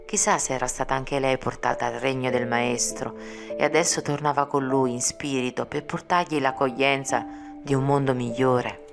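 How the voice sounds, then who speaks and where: A woman narrating an audiobook in a measured, solemn reading. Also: extremely low pitch, steady tone, gravelly. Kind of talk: scripted narration. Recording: music playing behind. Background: music.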